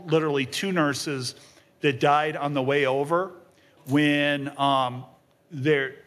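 A man with a slightly high, somewhat bright voice speaks from a panel table on an auditorium stage, lecturing and fielding audience questions with frequent ums and restarts. He uses a table microphone.

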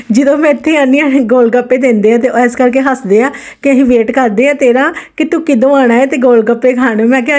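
High-pitched chatty Punjabi woman vlogger. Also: mellow. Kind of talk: casual daily vlog narration in Punjabi mixed with English words.

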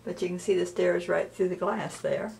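A woman's voice: lowish voice, moderate pace, gravelly, a little mellow, slight background noise. A woman vlogger chatting casually while filming a tour of a friend's house. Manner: chatty, encouraging, narrates the tour. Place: inside a house.

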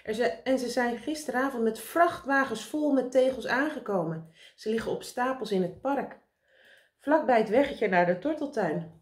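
A woman voicing an excited, chattering female bird who tells news eagerly. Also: on the high side, voice pushed up, natural voice. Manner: excited, breathless-quick. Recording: roomy echo.

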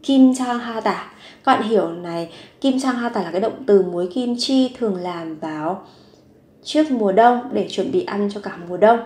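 A woman teaching Korean vocabulary, slowly repeating each word and example sentence. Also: mid-range voice, darkish tone. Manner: slow, careful repetition of each word. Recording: echoey room.

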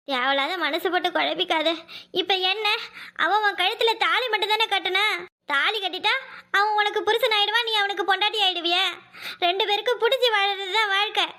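A woman's voice: very high-pitched, pushed and bright. A woman voicing an older, widowed village mother in a cartoon, protective of her daughter and lamenting, with a Kanyakumari Tamil accent. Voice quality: lamenting, pleading.

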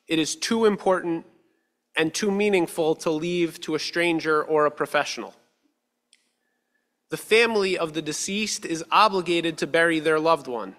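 A male rabbi in his thirties giving a measured, earnest sermon at a lectern with a stand mic, slowing down for emphasis. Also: on the high side, pushed and bright. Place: synagogue sanctuary, at a lectern. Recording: long reverb of a sanctuary hall.

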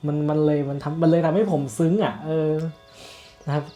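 A man's voice: fairly high pitch, flat delivery, a little fast, warm tone, faint music behind. A man talks through a game in casual, rambling commentary, full of fillers. He records at home at night. His tone stays open and emotional. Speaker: gaming YouTuber. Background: game sound.

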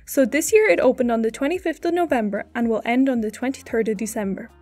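A woman's voice: a little high, quick pace, a little mellow, no room sound, soft background music. A woman host reading a polished, upbeat scripted travel narration as a voice-over.

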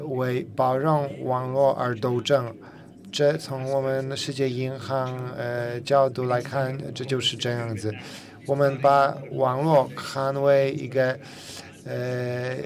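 Halting male conference interpreter, crowd behind. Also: mid-range voice. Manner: halting, many fillers and repeated words. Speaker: simultaneous interpreter. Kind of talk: simultaneous interpretation of a panel.

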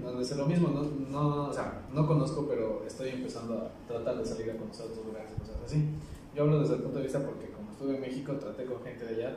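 A young man chats as a podcast guest and tells stories with plenty of energy. He sits back from the mic in a very echoey room, and steady background noise runs under his voice. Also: mid-range voice. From Ecuador. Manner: lively storyteller, keeps saying "literally". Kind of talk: casual chat. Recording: roomy echo, distant mic, noisy.

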